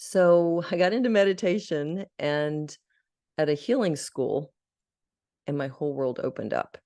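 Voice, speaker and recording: A woman's voice: sits low, unhurried, warm tone. A middle-aged woman from Arkansas, a podcast guest telling her life story in an earnest, heartfelt and candid way. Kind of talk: personal storytelling in a podcast interview.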